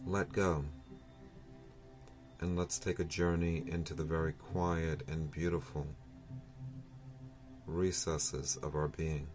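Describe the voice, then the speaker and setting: A man with a very low voice guides a breathing meditation. He speaks very slowly and soothingly, leaving long, unhurried pauses between short phrases. Faint music plays behind his voice. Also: little pitch movement. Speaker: meditation teacher.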